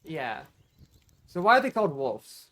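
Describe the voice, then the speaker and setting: A man's voice: on the high side, sing-song, a little slow, bright, forceful tone. Guy streamer rambling along casually, swears a lot, stretches his words out.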